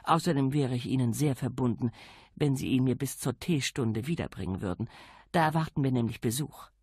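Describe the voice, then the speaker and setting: A man reading an audiobook, voicing a grand aristocratic lady who speaks with brisk, commanding politeness. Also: mid-range voice, darkish tone, husky, no room sound, studio quality. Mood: imperious. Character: grand, imperious aristocratic lady of ample size. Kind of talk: audiobook character voice.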